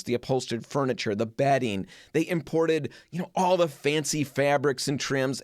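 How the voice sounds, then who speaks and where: A middle-aged man hosting a home improvement show, spinning a story in a chatty, animated way with plenty of asides. His mid-pitched voice swings freely up and down as he talks. The sound is close and dry, with no room around it. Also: dry recording. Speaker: host.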